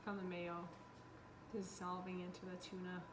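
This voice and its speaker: A woman's voice: lowish voice, completely flat delivery, normal speed, roomy sound, crowd noise. A woman co-hosting a cooking show, chatting playfully and upbeat while tasting a dish. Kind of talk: casual cooking chat.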